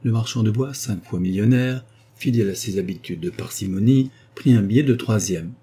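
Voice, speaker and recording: Husky-voiced man reading an audiobook. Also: on the low side, moderate pace, mellow. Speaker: narrator. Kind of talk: scripted audiobook narration.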